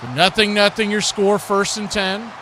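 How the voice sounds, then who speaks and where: Clear background noise accompanies a radio announcer doing live football play-by-play. His voice sits high at a normal speed, and his folksy manner includes chatting with viewers between plays and getting excitable on big ones.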